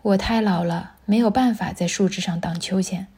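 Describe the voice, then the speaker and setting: A woman's voice: medium pitch, moderate pace, dark tone, husky. A woman voicing a boy who grows into a tired old man in a storybook reading, speaking plainly and wearily. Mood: weary. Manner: plain, weary.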